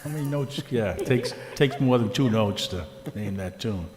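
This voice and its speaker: A man on a planning board, relaxed and dry-humored, giving brief comments at a public meeting. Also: on the low side, normal speed, in a large hall.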